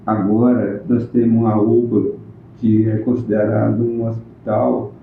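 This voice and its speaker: A man, recalling local history in a plainspoken, unhurried casual interview. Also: medium pitch, gravelly, a little hiss or hum. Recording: echoey room on a tinny phone-like line.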